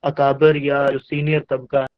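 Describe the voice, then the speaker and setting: A man calling in with a polite, halting question while his online call audio keeps dropping out. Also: medium pitch, flat delivery, clear, resonant tone, dry recording. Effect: online call audio breaking up with dropouts. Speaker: caller asking a question. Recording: dull lo-fi call line, distant.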